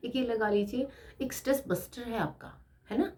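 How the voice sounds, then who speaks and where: A middle-aged woman teacher giving a casual motivational talk, chatty and animated, laughing often as she talks. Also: on the high side, normal speed.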